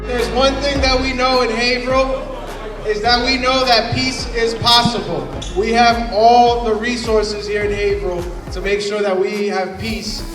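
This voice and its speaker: A man declaims to a crowd in a high, flat voice. He sounds far from the mic with heavy echo and reverb, and music is clearly heard behind him. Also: unhurried. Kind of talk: public address.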